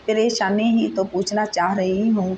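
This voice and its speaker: A woman's voice: mid-range voice, flat delivery, dark tone, lo-fi sound, slight background noise, close to an everyday voice. A woman reading the lines of a devoted young wife who coaxes and pleads with her husband. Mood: pleading. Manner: coaxing, pleading.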